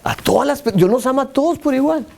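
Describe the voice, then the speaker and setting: A man's voice: very high voice, expressive, quick pace, vocal fry, mellow. A man teaching a church class on meditating on Bible verses, encouraging his students and reading verses aloud with shifting emphasis.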